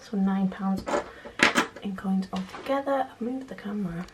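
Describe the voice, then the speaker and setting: A young British woman chats casually in a quiet, hushed late-night voice at a medium pitch. She sounds like a home vlogger keeping her volume down. The recording has clear background noise. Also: normal speed. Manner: quiet, hushed late-night talking so as not to wake sleeping children. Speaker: vlogger, channel host. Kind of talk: casual budgeting vlog, chatting while counting cash.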